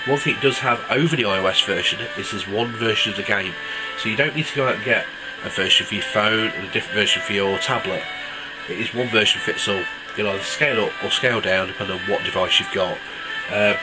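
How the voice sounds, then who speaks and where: A congested man with a lowish voice rambles his way through a relaxed mobile game review, saying um a lot. He's an app reviewer; the recording is low quality, with loud game music behind.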